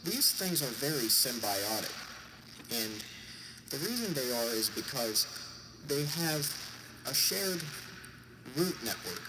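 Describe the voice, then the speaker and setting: A man's voice: mid-range voice, sing-song, slow, long pauses. A man with a congested, stuffy nose gives an informal, jokey explainer in an irreverent way. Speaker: vlogger summarizing a book. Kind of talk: informal explainer talk to an audience. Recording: clearly noisy background.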